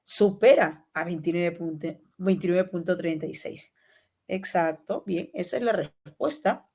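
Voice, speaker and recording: A woman with a Peruvian Spanish accent teaching an online exam-prep class, quizzing students by name in a lively way. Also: fairly low pitch, a little slow. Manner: lively, calls students by name, asks and answers questions.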